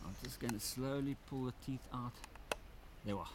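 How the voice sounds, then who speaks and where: A man's voice: mid-range voice, a little fast, background noise. A man presenting a wildlife documentary outdoors in a grove, explaining eagerly while handling snakes. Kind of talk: documentary narration and field presenting.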